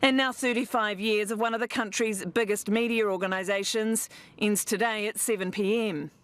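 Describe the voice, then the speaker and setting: A woman's voice: mid-range voice, fairly even intonation, moderate pace, fairly bright tone. A woman with a New Zealand accent narrating a scripted television news report.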